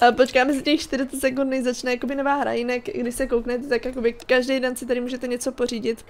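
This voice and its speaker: A woman's voice: high-pitched, level tone. A young woman hosting casual let's-play commentary, chattily explaining the game to her viewers. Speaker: gaming channel host.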